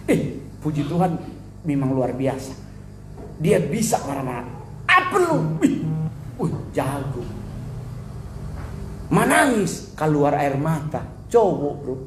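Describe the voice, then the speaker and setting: A man with a Manado accent doing stand-up comedy as a mock church sermon, animated and jumping into high-pitched impressions of other people. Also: echoey room, a little hiss or hum.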